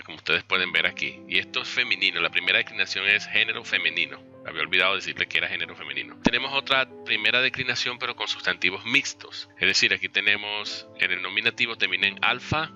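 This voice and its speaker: A man's voice: low voice, fast talker, few pauses, bright, forceful tone, faint music behind. A man teaching a recorded lesson with slides, explaining step by step and checking in with "¿ok?". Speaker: Greek language teacher.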